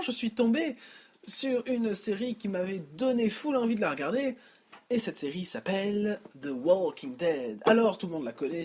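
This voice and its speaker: A man's voice: sits high, darkish tone, a little hiss or hum. A young man hosting a casual solo podcast, joking and rambling, often correcting himself mid-sentence. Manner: jokey, rambling, self-interrupting. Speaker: podcast host. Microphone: no headphones, home setup.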